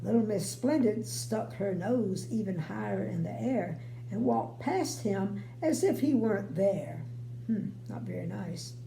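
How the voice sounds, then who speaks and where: An older woman reads a bedtime story in a slow, mellow voice. She adds folksy, chatty asides as she goes. The room sounds echoey, with a faint hum. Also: mid-range voice, expressive, gravelly. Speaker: grandmother reading bedtime stories. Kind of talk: read-aloud storytelling with casual chatty asides. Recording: roomy home recording, faint hum.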